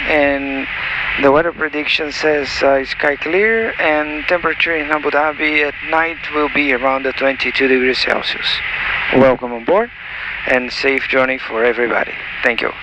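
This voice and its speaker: A man speaks as airline captain through an aircraft cabin loudspeaker, his delivery formal and a little halting. A loud, constant engine roar sits under the announcement. His pitch stays in a middle range. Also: very noisy. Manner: formal, slightly halting phrasing.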